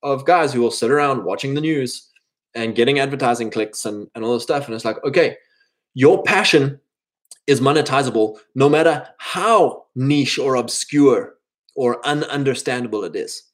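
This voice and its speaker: Here a thirty-year-old man advises other men in an informal, wandering motivational monologue. His medium-pitched voice moves at a normal speed, and he now and then voices imagined quotes.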